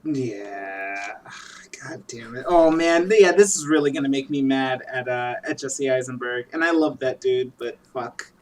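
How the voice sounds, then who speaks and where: A woman's voice: rumbling low, unhurried, few pauses, darkish tone. A woman co-hosting a podcast, talking casually about a movie, full of fillers and freely swearing. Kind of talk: casual movie review chat.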